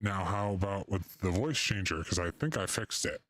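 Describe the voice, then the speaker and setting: Man through a deep pitch-shifted voice changer. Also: normal speed, a bit bright. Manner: casual, profane. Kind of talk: casual chat while testing streaming audio.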